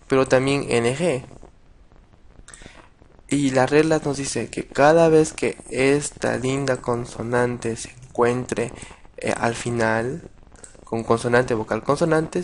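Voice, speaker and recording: A man teaching a casual video lesson, patient and halting, with many restarts and repeated words. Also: mid-range voice, slight background noise. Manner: patient, addresses viewers directly. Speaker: language teacher.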